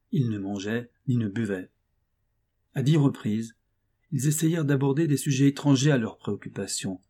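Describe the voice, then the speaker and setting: A man narrating a classic novel as an audiobook in a steady, expressive literary reading. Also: mid-range voice, husky.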